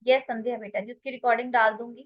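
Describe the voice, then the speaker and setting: A woman's voice: on the high side, flat delivery, fast, highs cut off. A woman with an Indian English accent teaching English grammar in an online class, mixing Hindi and English and calling her students "beta".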